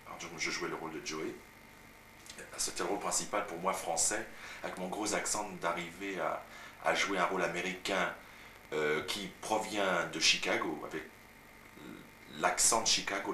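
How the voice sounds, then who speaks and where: A young French actor from Paris telling stories of his career in a relaxed, chatty way, recorded on home video. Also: low voice. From France. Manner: chatty storytelling, frequent "tu vois". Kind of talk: casual interview at home. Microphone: far camera mic. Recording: roomy, distant, noisy home video.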